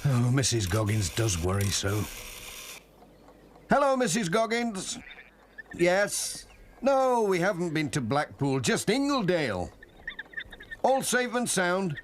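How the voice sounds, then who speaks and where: A man's voice: sits high, sing-song, takes it slowly, long pauses, slight background noise, pitched above the performer's own voice, full character voice. A man voicing a kindly, cheerful, helpful village postman in a children's cartoon. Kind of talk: children's cartoon character acting.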